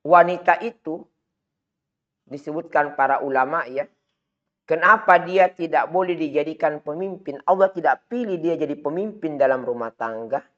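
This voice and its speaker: A man with a Makassar Indonesian accent giving a religious lecture, emphatic and repetitive, climbing higher to stress his points. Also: moderate pace, a bit bright. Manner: emphatic, repetitive, rising to raised pitch for stress. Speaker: Islamic teacher. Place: study hall. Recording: dull lo-fi recording.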